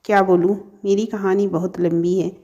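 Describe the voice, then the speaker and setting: A woman voicing a hurt but composed young heroine who answers quietly and firmly in a storybook reading. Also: mid-range voice, flat delivery, moderate pace, lo-fi sound, close to an everyday voice. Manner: quiet, firm.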